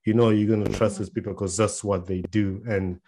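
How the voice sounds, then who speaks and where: A man's voice: fairly low pitch, little pitch movement, a little fast, warm tone. A man hosting a podcast, chatting casually and rambling a little, mixing in Luganda phrases. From Uganda. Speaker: podcast host. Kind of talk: casual interview chat.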